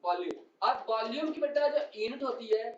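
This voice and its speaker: A man's voice: very high voice, steady tone, brisk. A man teaching chemistry to a class, explaining step by step, repeating key terms and often asking whether students have understood. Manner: keeps checking understanding and calls students "son". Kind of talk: classroom lecture. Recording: roomy, distant and dull-sounding.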